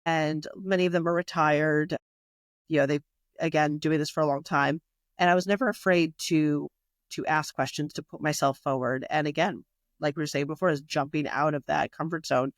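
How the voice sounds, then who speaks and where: A woman, a magazine publisher whose first language isn't Italian, is a guest in a casual podcast interview, rambling with lots of fillers and restarts. Her low voice holds a steady tone at normal speed, and the recording is dry and studio quality.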